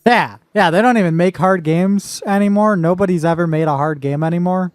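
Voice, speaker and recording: A woman's voice: lowish voice, fairly quick, darkish tone, no room sound, faint music behind. A woman streaming a puzzle game, talking playfully through her moves and swearing casually. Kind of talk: casual live gameplay commentary.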